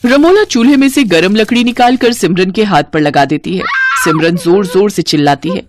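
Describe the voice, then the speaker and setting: A woman narrating a horror story in an even, expressive storytelling way. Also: mid-range voice, normal speed, noisy background.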